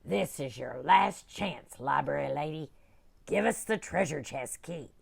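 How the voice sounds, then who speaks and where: A woman's voice: low voice, lively intonation, unhurried, creaky, slightly rough, full character voice. A woman voicing a bossy, blustering male pirate captain who growls and bluffs his way through. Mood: gruff.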